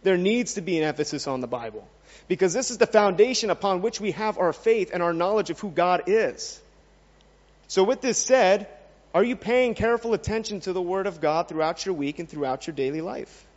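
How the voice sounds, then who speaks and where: A man's voice: high-pitched, expressive, brisk. A man preaching a sermon, earnest and full of questions for his listeners. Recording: dull sound with long reverb in a hall.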